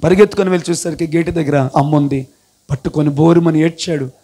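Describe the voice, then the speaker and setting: A man's voice: a little high, steady tone, fast talker, warm tone. A young man giving an impassioned testimony sermon, breaking in often with hallelujahs. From India. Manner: fervent, punctuated with repeated hallelujahs.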